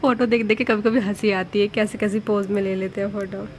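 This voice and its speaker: A woman's voice: medium pitch, fairly even intonation, fairly quick, a little hiss or hum. Chatty woman narrating her wedding album. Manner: chatty, amused, homely. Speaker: vlogger. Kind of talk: casual chat narrating wedding photos.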